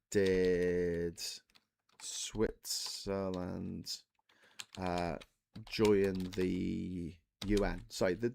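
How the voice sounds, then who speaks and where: A man's voice: on the low side, creaky. Chatty man in his forties, rambling. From England. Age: 40s. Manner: rambling, self-correcting, chatty with the chat. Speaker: livestream host. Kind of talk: casual live-stream chat.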